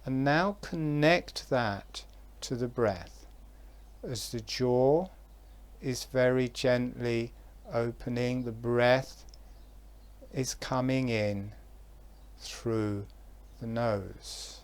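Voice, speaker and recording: Soft and calm, a man guides a relaxation exercise in a medium-pitched voice, leaving long pauses between phrases.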